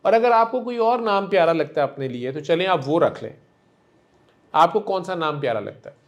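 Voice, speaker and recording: A man counseling a patient in a gentle, coaxing and affectionate way, repeating himself warmly. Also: a little high, animated, dull audio. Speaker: spiritual healer counseling a patient. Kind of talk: one-on-one counseling session.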